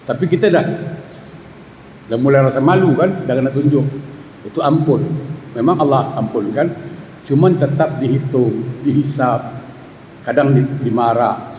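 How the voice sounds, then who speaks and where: Man preaching in a mosque, explains stuff and quizzes the crowd, mellow voice, lots of echo. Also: medium pitch, measured pace, pauses often, slight background noise. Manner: explanatory, asks the congregation questions. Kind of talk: sermon. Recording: echoey mosque hall with reverb.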